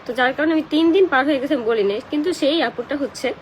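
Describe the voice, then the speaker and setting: A woman's voice: high voice, fast talker, a little hiss or hum. A young woman with a Bangladeshi accent, crying and emotional as she chats casually on a live stream and answers comments. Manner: tearful, emotional, crying talk. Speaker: live streamer who does paid promotions.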